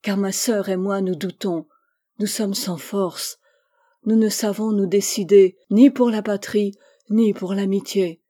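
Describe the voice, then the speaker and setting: A woman's voice: mid-range voice, steady tone, a little slow, warm tone, lightly acted. A woman voicing a torn, anguished young male warrior in a storybook reading, speaking with passion. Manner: impassioned, pleading speech.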